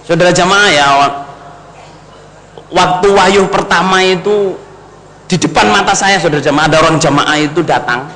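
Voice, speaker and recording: A man's voice: sits high, normal speed, pauses often. A man with an East Javanese accent preaching a storytelling sermon, speaking straight to his congregation and telling the story with big swings. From East Java. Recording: long hall reverb with faint background noise.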